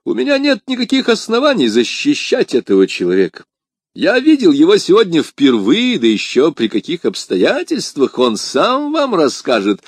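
A man playing a bold, cunning young musketeer who declaims loudly and brashly. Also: a little high, wildly swooping pitch, moderate pace, breathy edge, no room sound, studio quality, voice pushed up, heavily acted. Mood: loud bluster. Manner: loud, brash, theatrical declaiming.

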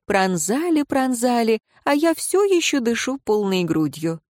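A woman's voice: fairly high pitch, very animated, unhurried, darkish tone, no echo, clean studio sound, voice pushed up. A woman voicing a playful, ironic young noblewoman who teases her lover. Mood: teasing.

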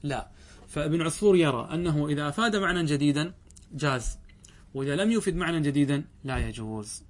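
A man teaching a grammar lesson. He reads lines of a text slowly, then explains them, often asking a question and answering it himself. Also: a little high, animated, slight background noise.

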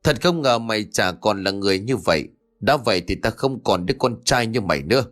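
A man's voice: on the low side, lively intonation, fairly quick, a bit bright. A man voicing a fierce older mother-in-law who scolds harshly, in a spoken ghost story. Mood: bitter.

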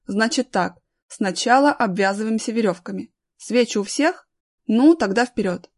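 A woman's voice: a little high, animated, a little mellow. A bossy vagabond leader, read by a woman. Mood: commanding. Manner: brisk commanding orders. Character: bossy adult male tramp, leader of the search party.

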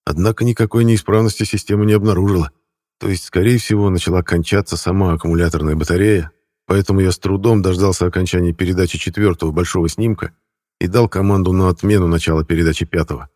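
A man narrating a first-person audiobook in a calm, dry, matter-of-fact manner. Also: sits low, fast talker, no room sound.

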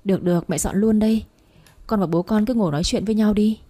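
A woman's voice: mid-range voice, fast talker, mellow, no echo, close to an everyday voice. A woman voicing a scheming stepmother who sweet-talks her stepson. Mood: fawning. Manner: fawning, sweet-talking. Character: flirtatious scheming stepmother, fawning.

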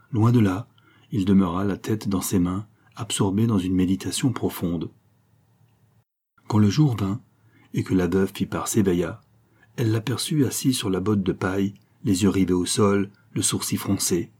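A man narrating a novel in a steady, measured way. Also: low voice, slightly rough. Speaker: audiobook narrator. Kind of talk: reading a novel aloud.

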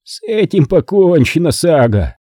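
A man plays a hulking, jealous older man who whines in a strangely high, slow voice. The sound is husky and mellow, read close and dry for an audiobook. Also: big pitch swings, dry recording. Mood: whining. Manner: slow, whining and plaintive. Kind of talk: audiobook character voice.

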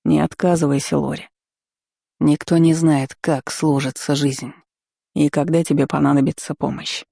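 A woman's voice: deep voice, flat delivery, normal speed, gravelly, dark tone, breathy edge, dry recording, studio quality, full character voice. A woman voicing a proud, commanding male dragon lord who speaks curtly and firmly. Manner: curt, commanding, unyielding.

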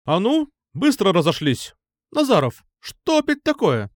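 A man voicing a strict middle-aged female schoolteacher who lectures loudly and sternly, in a storybook reading. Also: high voice, wildly swooping pitch, measured pace, no room sound, clean studio sound, voice pushed up, heavily acted. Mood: scolding.

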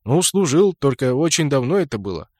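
A man's voice: medium pitch, very animated, brisk, mellow, dry recording, studio quality. A man playing a suspicious outpost guard. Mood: gruff. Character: tall grown male outpost guard, suspicious but friendly.

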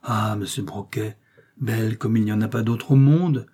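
A man's voice: on the low side, normal speed, dark tone, breathy edge. A man reading an audiobook, voicing a huge, lovesick Parisian tough guy who talks in emotional, pleading exclamations. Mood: adoring.

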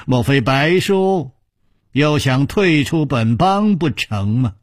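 A man voicing a stern, commanding young leader of a beggars' sect who speaks in measured, weighty phrases. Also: medium pitch, animated, no room sound, clean studio sound.

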